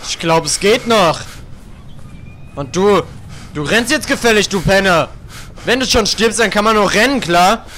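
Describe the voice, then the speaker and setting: Young guy yelling insults at game zombies, swings way up and down, lots of noise behind him. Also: high-pitched, lively intonation, a little slow, long pauses. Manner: crude, jokey, trash-talking the game characters. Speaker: let's play gamer. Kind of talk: game commentary.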